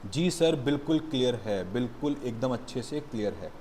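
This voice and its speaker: A man's voice: medium pitch, lively intonation, normal speed, dark tone, slight background noise, pitched below the performer's own voice, natural voice. A man playing an eager student. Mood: agreeable. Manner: keen, agreeable replies to the teacher. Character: eager young student answering his teacher.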